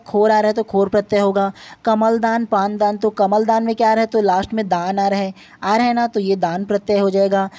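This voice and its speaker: A woman's voice: mid-range voice, mellow, dry recording. A woman with a Chhattisgarh accent, teaching an exam-prep grammar lesson, patiently explaining and checking in with the class again and again. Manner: patient, repetitive explaining with tag questions. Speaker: Hindi language teacher.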